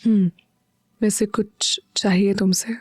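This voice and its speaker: Audio-story casting: a woman playing a teasing, tender young husband, slow and soft. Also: fairly even intonation, no room sound, studio quality. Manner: soft, low, intimate murmuring.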